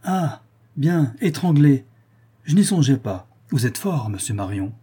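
A man reading aloud, voicing a calm, ironic man who corners a murderer with cool, relentless mockery. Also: mid-range voice, measured pace, husky, exaggerated voice. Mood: coolly mocking.

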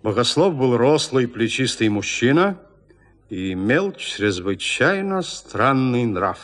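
A man narrates classic literary prose like a storyteller, with expressive delivery and deliberate pauses between phrases. His pitch is medium and he sounds very animated.

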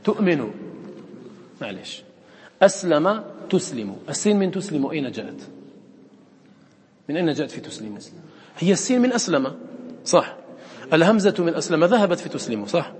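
A man's voice: a little high, sing-song, fast, pauses often, a little mellow, big-room sound, slight background noise. A man teaching a class on recitation, repeating words aloud and quizzing his students with questions.

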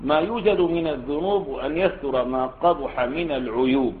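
A man's voice: fairly high pitch, fairly quick, slight background noise. A male scholar giving a classroom lesson explaining a classical text, posing questions to his students as he goes. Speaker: Islamic scholar teaching a text. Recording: tinny phone-like lecture recording.

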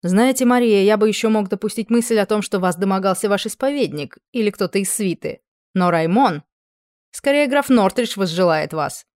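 A woman's voice: medium pitch, animated, normal speed, darkish tone, no echo, natural voice. A woman voicing a cold, sardonic middle-aged king who talks in a cutting way, in a dry recording. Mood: mocking.

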